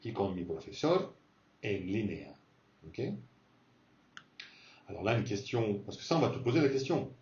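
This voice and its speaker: A man teaching a beginner Spanish lesson, repeating words slowly to model pronunciation. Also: lowish voice, sing-song, a little mellow, echoey room, distant mic, dull audio.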